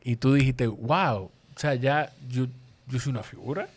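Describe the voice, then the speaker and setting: Hombre animado, presentador de podcast. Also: male voice, medium pitch, a little slow. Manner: lively, laughs often, teasing. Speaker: podcast host. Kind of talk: casual chat.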